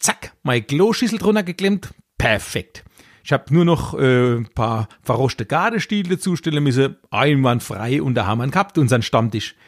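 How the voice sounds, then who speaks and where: A man's voice: medium pitch, breathy edge, no echo, clean studio sound. A man in his sixties with a Kurpfalz dialect, telling a rambling comic story straight to his audience. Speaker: comedian. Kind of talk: comic monologue.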